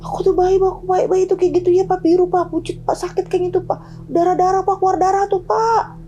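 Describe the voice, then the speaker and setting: A woman doing a panicked middle-aged wife whose voice leaps up high and shrill. She pleads over and over in a hurried, breathless stream, and her tone stays mellow and soft-edged. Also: expressive, muffled recording, slight background noise. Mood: frantic. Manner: shrill, pleading, keeps repeating "Pak". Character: frantic middle-aged wife on pilgrimage, seeing things.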